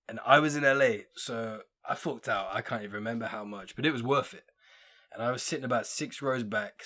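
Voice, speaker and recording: Young male podcast host, rambling self-deprecating storyteller, average pitch. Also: a bit bright. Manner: rambling, self-deprecating, with frequent fillers and restarts. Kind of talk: casual storytelling monologue.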